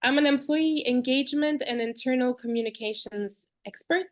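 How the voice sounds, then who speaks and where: A woman from Bulgaria, a guest in an interview, talking in an animated, chatty way with fillers and restarts over a video call. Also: high-pitched, normal speed. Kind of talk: conversational interview.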